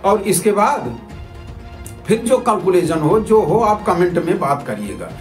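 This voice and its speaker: A high-pitched man with a sing-song delivery talks a little slowly while presenting his video report as a citizen journalist. He gives viewers informal, argumentative commentary, repeating himself and raising rhetorical questions, over music in an echoey room.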